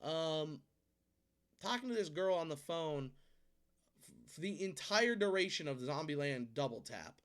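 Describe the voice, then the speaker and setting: A man's voice: on the high side, expressive, fairly bright tone. A man in his twenties hosting a video, telling a story in a rambling way, swearing freely and correcting himself as he goes. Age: 20s. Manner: rambling, profane, quick self-corrections. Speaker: host. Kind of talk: casual storytelling and movie ranking.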